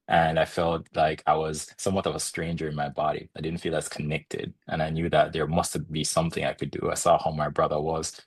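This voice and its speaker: A man's voice: a bass voice, slightly rough, no echo. A man in his thirties from Jamaica with a Jamaican accent, a fitness expert being interviewed, reflective and often laughing as he tells his story.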